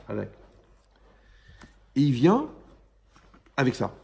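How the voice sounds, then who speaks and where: Male rabbi, informal religious lesson to a live room; gravelly tone, jokey, conversational teacher. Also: medium pitch, wildly swooping pitch, slow, dark tone. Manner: joking, conversational, quizzes the audience.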